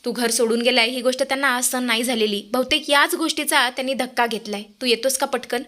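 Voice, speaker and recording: A woman's voice: high-pitched, steady tone, a little fast, fairly bright tone. A woman voicing an earnest young daughter-in-law pleading with her father-in-law in a narrated TV-serial recap. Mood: panicked.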